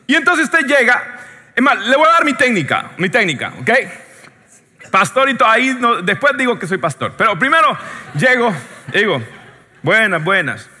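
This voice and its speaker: A Latin American man preaches with a very high, piercingly bright voice. He tells jokey stories and keeps checking in with his congregation. His voice rings out in a long hall reverb. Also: normal speed. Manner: joking, animated storytelling, often asks the audience "yes or no". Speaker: pastor. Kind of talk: sermon.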